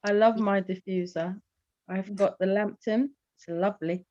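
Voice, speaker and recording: A woman guest chatting casually and warmly about her diffuser. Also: mid-range voice, steady tone, unhurried. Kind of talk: casual chat. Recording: dull, lo-fi sound.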